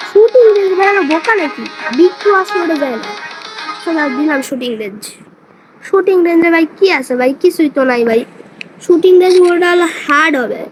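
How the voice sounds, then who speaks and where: High-voiced excitable woman gamer. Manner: excitable, chatty, talks to viewers. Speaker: gaming streamer. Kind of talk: casual gameplay commentary. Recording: noisy background hiss.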